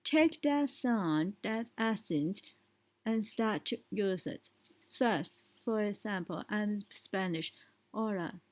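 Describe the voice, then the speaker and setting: A woman teaching English speaking tips, explaining step by step and often checking in with a quick question. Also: mid-range voice, expressive, darkish tone, poor audio. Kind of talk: spoken language lesson.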